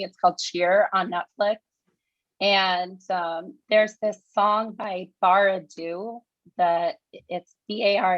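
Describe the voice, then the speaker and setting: A woman guest in a casual podcast chat, chatty, filling with "like" and quick to laugh. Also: medium pitch, no room sound, dull audio. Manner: chatty, lots of fillers, laughs easily. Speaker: guest, dance studio owner.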